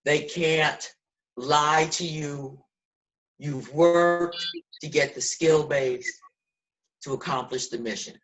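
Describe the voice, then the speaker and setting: A woman's voice: sits low, slow, long pauses, low-quality recording. A woman in her sixties talking earnestly and preachily in a casual video call discussion, as host. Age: 60s.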